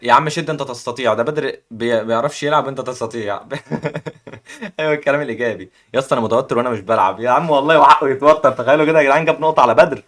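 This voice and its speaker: A young man with an Egyptian accent hosting a live chess puzzle contest, excitedly cheering the players on. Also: medium pitch, rapid-fire. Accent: Egyptian Arabic. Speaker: chess stream host.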